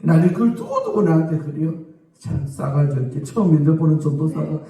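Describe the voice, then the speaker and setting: Casting: high-voiced pastor, mellow tone, echoey church hall, distant mic. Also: male voice, sing-song, a little fast. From South Korea. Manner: emphatic, repeatedly asking the congregation for amens. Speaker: senior pastor. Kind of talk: sermon. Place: church sanctuary.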